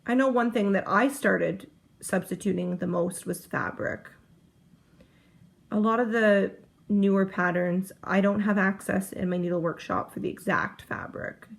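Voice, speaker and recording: A woman's voice: mid-range voice, steady tone, unhurried, gravelly. A woman chatting casually to camera about her cross-stitch project, rambling and often breaking off mid-sentence. She is heavily pregnant. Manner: chatty, rambling, self-interrupting.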